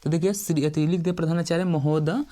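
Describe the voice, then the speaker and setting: Tired soft-spoken Bihari teacher. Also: male voice, fairly high pitch, fairly even intonation. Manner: speaks slowly and softly, keeps repeating "okay". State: tired late at night. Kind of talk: tutorial lesson dictating a letter format.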